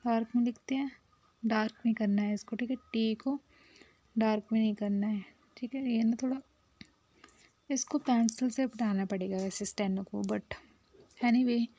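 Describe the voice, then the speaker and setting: A woman's voice: on the high side, mellow, dry recording. A woman teaching shorthand step by step, patiently repeating herself and sometimes dropping to a near whisper as she writes. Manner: patient, repeats "theek hai" often, drops to a near whisper while writing. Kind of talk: step-by-step lesson, mixing Hindi and English.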